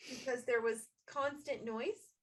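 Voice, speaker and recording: A woman hosting a casual chat with friends, telling animated stories about her family and acting out her child's voice. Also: on the high side, unhurried. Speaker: podcast host. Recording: quiet, distant mic.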